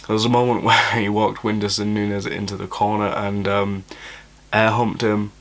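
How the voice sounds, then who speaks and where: A man's voice: fairly low pitch, little pitch movement, normal speed. A young man, a boxer, casually reviewing a fight card to camera, keeping his voice down late at night, blunt and opinionated with lots of fillers. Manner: speaking quietly late at night.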